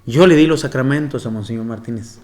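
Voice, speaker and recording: A man's voice: medium pitch, fast talker, a little mellow. A man, a monsignor telling anecdotes in a lecture and often laughing. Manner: storytelling with frequent laughter.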